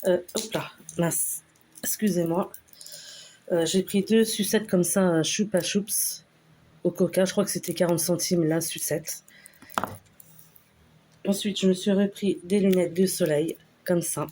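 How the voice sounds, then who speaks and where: A woman casually talking through a shopping haul, unhurried and hesitant with lots of fillers. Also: fairly low pitch, steady tone, mellow, slight background noise. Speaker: vlogger showing a store haul. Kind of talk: casual haul video chat.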